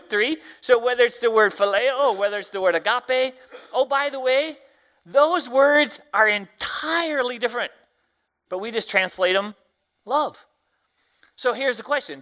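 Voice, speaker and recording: A middle-aged Tennessee man with a Southern accent preaches a folksy sermon, putting questions to his congregation. His voice is very high, bright and forceful.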